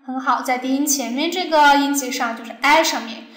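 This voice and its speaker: A woman's voice: high voice, brisk, fairly bright tone, echoey room. A woman teaching a recorded language lesson, explaining step by step with patience and often asking the class questions. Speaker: Arabic teacher.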